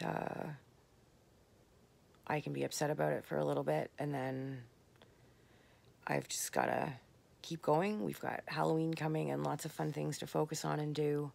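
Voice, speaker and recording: A woman talking candidly in a late-night personal vlog, tired and slurring her words, rambling with soft pauses. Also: sits low, gravelly. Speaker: vlogger.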